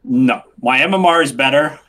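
Excitable man, bright tone, casual interview chat, frequent restarts. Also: medium pitch, moderate pace. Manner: animated, excitable, lots of restarts. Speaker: podcast guest, game streamer.

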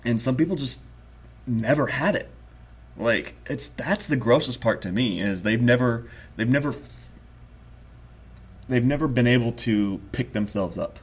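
A man's voice: mid-range voice, a little slow, long pauses, slightly rough. A man talking casually as a podcast co-host, telling stories in a loose, profane, rambling way and laughing often. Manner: excitable, rambling storyteller with frequent laughs. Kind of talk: casual chat.

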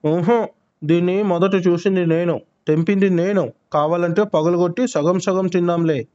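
A man's voice: high-pitched, fairly even intonation, normal speed, warm tone, close to an everyday voice. A man voicing a kind young horse foal in a children's story, speaking earnestly and with feeling over a muffled lo-fi recording. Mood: coaxing.

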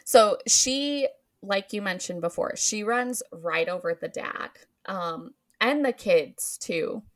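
Slow, giggly woman recapping a film. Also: medium pitch, animated. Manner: giggly, frequent ums and likes. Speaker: podcast host recapping a film. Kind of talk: casual chat.

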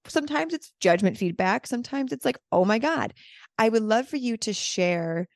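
Woman host on a video call, a bit low and gravelly, dry sound, says like a lot. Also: no echo. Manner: affirming, reflective, uses casual filler like "like". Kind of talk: virtual round table conversation.

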